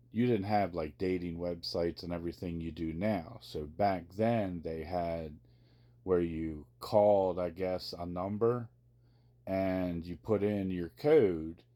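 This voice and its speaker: A man's voice: sits low, dark tone. A man telling personal stories to viewers in a casual, rambling, conversational way, like a vlogger sharing memories.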